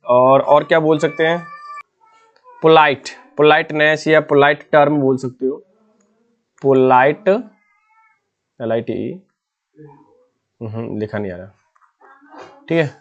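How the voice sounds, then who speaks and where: A man's voice: mid-range voice, highs cut off. A man teaching exam vocabulary in an easygoing way, patiently explaining each word and checking in with his students again and again. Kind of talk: exam-prep lesson in casual Hindi.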